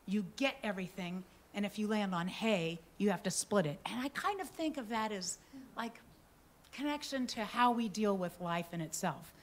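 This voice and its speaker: On a theater stage before a live audience, an older woman who is a musician and storyteller chats through a casual introduction to a song at a stand mic, musing and a bit nervous. Her voice is medium-pitched, with a little hiss or hum in the recording.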